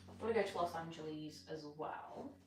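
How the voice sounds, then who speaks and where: A British woman whose first language was Gujarati streams as a fitness creator, stretching while she chats to live viewers in a rambling, informal way. Her voice is deep and her pace brisk. Music plays in the background, and the roomy recording comes from a distant mic.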